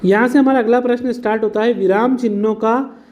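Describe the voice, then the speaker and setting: High-voiced man teaching a lesson. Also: steady tone, fast, darkish tone. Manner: patient explaining, calls students "beta"; mixes English words into Hindi. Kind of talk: exam-prep lecture.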